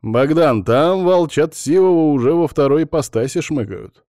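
A man voicing a blunt, excitable young male sidekick who talks in coarse slang. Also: on the high side, normal speed, dry recording, clean studio sound, voice pushed up, natural voice. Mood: excited. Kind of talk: audiobook character voice.

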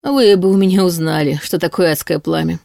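A woman reading an audiobook voices an arrogant, short-tempered male high demon who growls and snaps his lines. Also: a little fast, gravelly, warm tone, dry recording, clean studio sound. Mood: irritated growl. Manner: growling, snapping.

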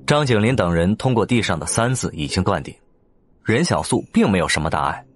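Male audiobook narrator, low pitch, animated intonation, expressive storytelling. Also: brisk, breathy edge. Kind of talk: scripted narration.

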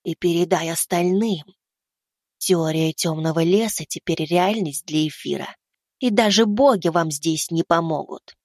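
A man voicing a small, childlike three-eyed spirit of darkness who speaks calmly and coldly. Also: a little high, a little slow, no room sound, studio quality, voice pushed up. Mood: menacing.

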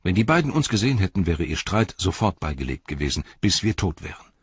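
A man doing a quiet, grave hobbit. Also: big pitch swings, fast talker, breathy edge, dry recording, lo-fi sound, exaggerated voice. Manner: soft, low-voiced and earnest. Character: grave, thoughtful male hobbit, quiet and cautious.

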